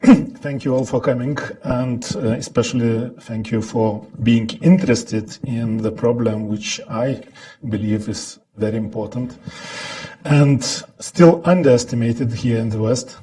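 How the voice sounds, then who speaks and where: A man from Lithuania with a Lithuanian accent, giving deliberate, halting remarks as a scholar on a panel, often clearing his throat. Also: medium pitch, mellow, recorded from a distance. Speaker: think-tank scholar, panel speaker. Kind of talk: prepared remarks at a panel talk.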